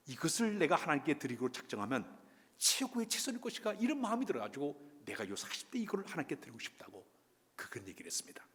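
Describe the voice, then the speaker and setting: A man preaches a sermon, voice at an ordinary pitch but full of movement. His delivery climbs on emphatic points and drops low between them. The sound carries a long, ringing reverb from a large church hall. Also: fairly bright tone. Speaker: pastor. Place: church sanctuary.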